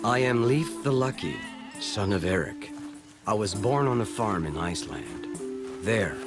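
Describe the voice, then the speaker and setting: An actor playing a proud adult Viking farmer and explorer, telling his story in a solemn, measured first-person voice over background music. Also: on the low side. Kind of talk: scripted documentary dramatization.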